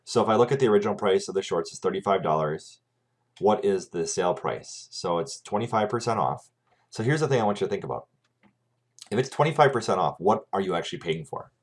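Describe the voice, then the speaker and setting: In a screencast math lesson, a man talks fast and animatedly in a low voice with a breathy edge. He goes through each calculation step by step, frequently adding "right?" to check in.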